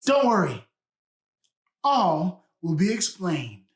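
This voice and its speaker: A woman acts out an eager pitcher telling her story with theatrical flair. Her voice is slow and fairly high, heard from far away in a very echoey space. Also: very animated. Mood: grand.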